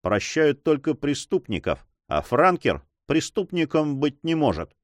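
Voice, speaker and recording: Man reading a count, stern but fatherly, quiet, commanding. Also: on the high side, very animated, a little slow, dry recording, studio quality, voice pushed up.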